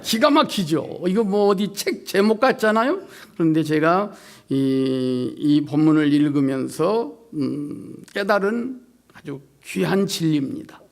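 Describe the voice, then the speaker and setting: A man's voice: fairly high pitch, lively intonation, measured pace, vocal fry. Joking, folksy preacher man. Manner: joking, folksy, draws out words, asks the crowd. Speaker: pastor. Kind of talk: evening revival sermon. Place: church sanctuary.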